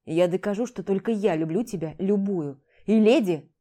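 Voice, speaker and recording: A woman reading the part of an intense, possessive husband in an audiobook, in a forceful, clipped way. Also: medium pitch, normal speed, natural voice. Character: intense possessive jealous husband, adult man.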